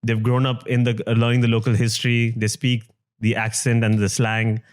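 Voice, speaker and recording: A man's voice: medium pitch, monotone, normal speed. A man raised in the Middle East, talking candidly in an interview with a touch of humor. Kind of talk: conversational interview chat.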